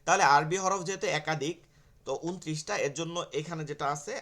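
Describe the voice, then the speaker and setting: A man's voice: on the high side, fairly quick, a bit bright. A man teaching an online Quran class, explaining step by step, repeating key terms and asking and answering his own questions.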